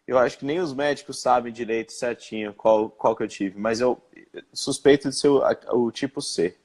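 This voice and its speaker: A young man from Brazil tells his own story in a live-stream interview. He speaks haltingly, with frequent fillers and false starts, in an ordinary mid-range voice. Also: medium pitch, darkish tone. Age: young adult. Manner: hesitant, many fillers and restarts. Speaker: interviewed guest.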